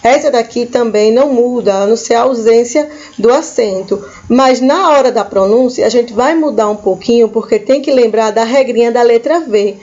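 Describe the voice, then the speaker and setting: A woman with a Brazilian Portuguese accent leads a patient classroom vocabulary lesson. Her voice sits a little high yet sounds dark and mellow. The recording is dull and lo-fi. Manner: repeats each word slowly, checks in with "certo?". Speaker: Spanish teacher.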